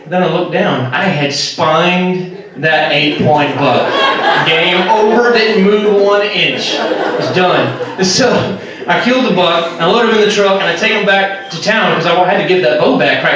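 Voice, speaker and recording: A man preaching a sermon through a funny story, self-mocking and animated. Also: high-pitched. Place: church sanctuary. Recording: echoey hall from far off.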